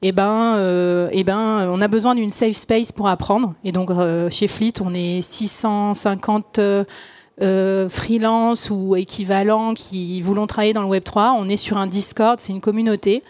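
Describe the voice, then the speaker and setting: Woman podcaster, panel guest, chatty and rambling, mid pitch, dry sound. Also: steady tone, unhurried, a little mellow, no room sound. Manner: chatty, loose, frequent fillers and restarts. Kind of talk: round-table discussion. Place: conference stage.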